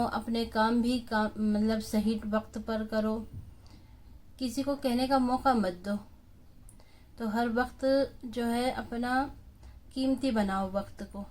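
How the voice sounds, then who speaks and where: A woman's voice: on the high side, darkish tone, a little hiss or hum. A woman teacher who patiently walks young children through a lesson, spelling out letters one by one.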